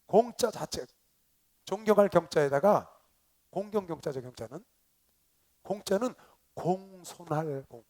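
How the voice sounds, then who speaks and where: A male pastor preaching a sermon, emphatic, with calls and responses to his congregation, swinging between loud exclamations and quiet asides. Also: high-pitched, expressive, a little slow, pauses often. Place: convention hall seminar.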